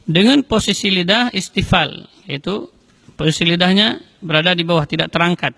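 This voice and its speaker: High, bright-voiced man teaching recitation. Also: gravelly, no echo. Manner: slow, careful explanations broken by drawn-out chanted recitation. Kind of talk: tajwid lesson with recited examples.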